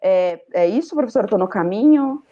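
A woman's voice: medium pitch, animated, fairly quick, dark tone, highs cut off. A woman professor making a conversational point and checking in with a colleague. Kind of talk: class discussion.

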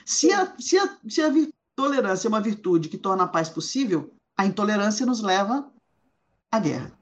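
The discussion host, a woman from Goiás in Brazil, reads out quotes and muses aloud, often starting her sentences over. She speaks at a normal speed in a medium-pitched, sing-song voice, captured with dull lo-fi sound.

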